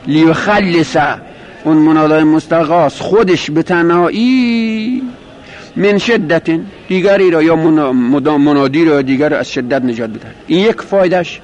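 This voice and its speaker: Man, grammar teacher, classroom lecture, fairly high voice, asks and answers his own questions. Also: lively intonation, a little mellow, highs cut off. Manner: repeats and rephrases terms, slows on quoted Arabic.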